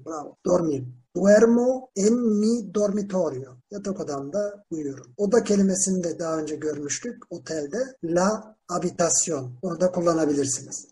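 A teacher giving a slow Spanish lesson in a classroom, spelling words out letter by letter with town names and repeating verb forms. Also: medium pitch, warm tone. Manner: drills verb forms slowly and repeats them. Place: classroom with students.

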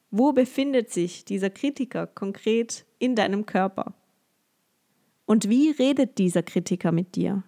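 A woman, a yoga teacher and coach, calmly guiding listeners through a coaching exercise with many gentle questions and frequent light laughs. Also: medium pitch. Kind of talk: guided coaching exercise, podcast.

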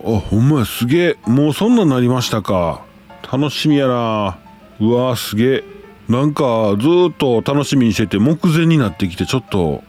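A man's voice: mid-range voice, a little mellow. A man with a Kansai accent, hosting a casual live stream, reading listener messages aloud and exclaiming often as he reacts.

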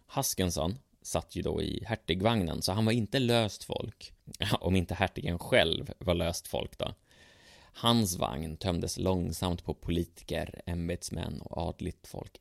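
A man's voice: low voice, creaky, no echo, studio quality. A man narrating a scripted history story with a sardonic, ironic manner.

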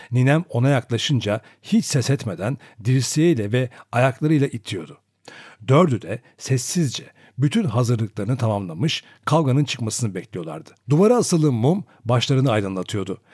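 A man reading a novel aloud as narrator, in an expressive, dramatic storytelling manner. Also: mid-range voice, breathy edge, no room sound, studio quality. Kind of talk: audiobook narration.

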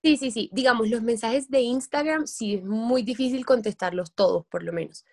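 A woman's voice: a little high, moderate pace, gravelly. A young woman from Colombia's Caribbean coast, a guest chatting casually and acting out quotes. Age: young adult. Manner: chatty, quotes people in lively voices. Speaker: guest, content creator. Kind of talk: casual interview chat.

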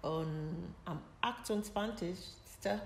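Middle-aged woman from Ghana, slightly low voice, broken halting German, roomy recording. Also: creaky. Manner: halting, broken German with many pauses and fillers. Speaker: interviewee, mother of the host. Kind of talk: personal story told in conversation. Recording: roomy echo with faint noise.

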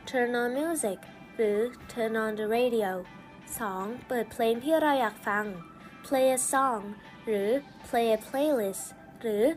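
A woman with a high voice explains English usage in a scripted lesson. She speaks patiently and politely. Faint music sits underneath her. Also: drawn-out words. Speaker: English teacher presenter.

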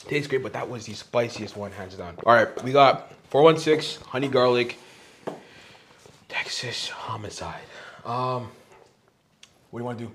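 A man's voice: medium pitch, normal speed, long pauses, a little hiss or hum. A young man hosting a podcast in casual chat, talking while he eats spicy wings, loose and joking with frequent laughs. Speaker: podcast host.

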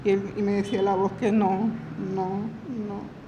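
A woman giving an emotional religious testimony in halting, repetitive speech, retelling her prayers in her own words. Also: medium pitch, little pitch movement, background noise. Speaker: church member giving testimony.

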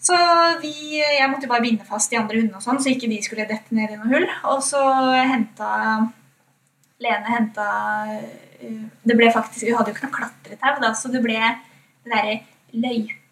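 A woman with a Norwegian accent recounts a story in a chatty, animated way, full of fillers and quoted thoughts. Her voice sits a little high. She is heard from some distance, in a roomy, echoing space. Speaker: guest. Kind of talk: casual storytelling.

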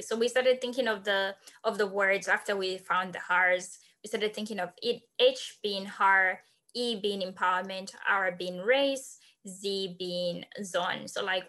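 A woman in her twenties from Zambia, a podcast guest earnestly telling the story of founding her organization. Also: mid-range voice. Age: 20s. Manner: earnest, animated when recounting. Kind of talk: podcast interview, personal storytelling.

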